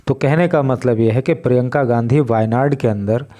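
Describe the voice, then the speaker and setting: With a mellow, mid-range voice, a man from India patiently teaches English vocabulary in Hindi. He takes newspaper words one at a time, explaining each slowly.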